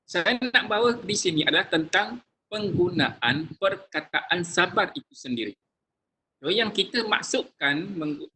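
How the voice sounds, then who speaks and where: A male religious teacher giving a lecture to a class, lively and acting out sample phrases in changing tones, addressing listeners warmly with frequent religious phrases. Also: a little high, a little hiss or hum, low-quality recording.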